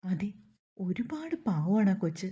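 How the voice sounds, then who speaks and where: A woman reading the part of a gentle, doting elderly grandmother in a soft, tender manner. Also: medium pitch, very animated, a little slow, breathy edge, muffled recording, heavily acted.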